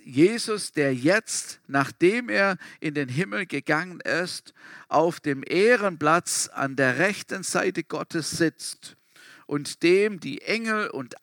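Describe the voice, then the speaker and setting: A man's voice: fairly high pitch, lively intonation, slow, gravelly, a bit bright, no room sound, clean studio sound. A man preaching a sermon in a storytelling way, stressing points by repeating them. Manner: storytelling, emphatic repetitions.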